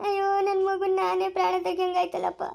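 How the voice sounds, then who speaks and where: A woman's voice: very high-pitched, completely flat delivery, fast talker, vocal fry, darkish tone. A woman crying and pleading as a grieving parent in a homemade family skit, in rural Chikkaballapura Kannada. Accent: Kannada, Chikkaballapura rural speech. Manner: wailing, pleading.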